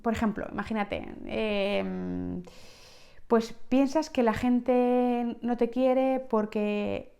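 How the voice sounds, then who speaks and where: A woman's voice: fairly high pitch, slow pace, gravelly, mellow. A woman with a Spanish accent giving an unscripted self-help monologue as a podcast host, often checking in with "right?" and restarting words. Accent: Spain.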